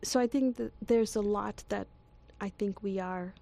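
A woman co-hosts a radio hour and reflects on faith. She talks thoughtfully and often uses fillers. Her voice has a gravelly fry. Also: medium pitch, measured pace, dark tone, dry recording. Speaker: radio show co-host.

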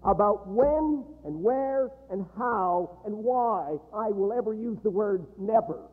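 A man preaching a sermon in a large chapel, emphatic and full of dramatic pauses. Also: high-pitched, lively intonation. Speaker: guest preacher. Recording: echoey hall, tinny narrow sound.

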